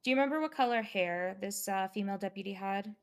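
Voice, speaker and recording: A woman's voice: mid-range voice, fast talker, clear, resonant tone, close to an everyday voice. A woman in a live game roleplay, voicing a female officer who questions a witness with many fillers. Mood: methodical. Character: methodical female officer taking a statement. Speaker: police investigator questioning a witness.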